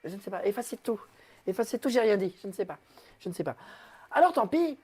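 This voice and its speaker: A man's voice: sits high, sing-song, quick pace, darkish tone, breathy edge. A man hosting his own web TV show, rambling and self-mocking with many hesitations. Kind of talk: comic solo live stream.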